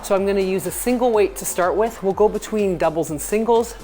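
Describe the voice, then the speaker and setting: A woman's voice: mid-range voice, brisk, mellow. A woman working as a fitness instructor, leading an exercise class with short, encouraging cues and counted repetitions over workout music. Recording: music behind the voice.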